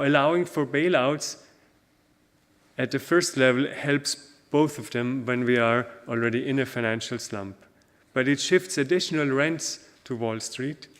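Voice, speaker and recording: A man giving an academic conference talk, explaining a graph point by point in a steady way. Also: medium pitch. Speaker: conference speaker. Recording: long reverb in a lecture hall.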